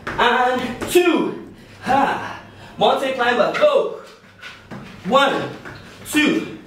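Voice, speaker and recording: Male aerobics instructor, middle-aged: very high voice, very slow spaced counts, exerted and encouraging, recorded far from the mic in an echoey room. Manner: encouraging, exerted, short shouted cues with puffs. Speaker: fitness instructor leading a workout. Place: indoor tiled room, on an exercise mat. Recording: echoey room, distant mic, faint noise.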